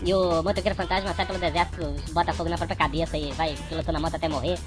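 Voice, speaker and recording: A man voicing a chatty cartoon chipmunk with a sped-up, high-pitched voice and a wry manner. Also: flat delivery, rapid-fire, over music.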